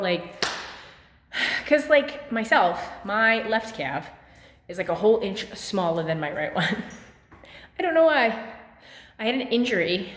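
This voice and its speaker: A woman giving a casual workout demonstration at home, chatty and full of fillers, a little out of breath from the exercise. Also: medium pitch. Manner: chatty, filler-heavy, lively. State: slightly out of breath. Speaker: fitness vlogger. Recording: echoey room with long reverb.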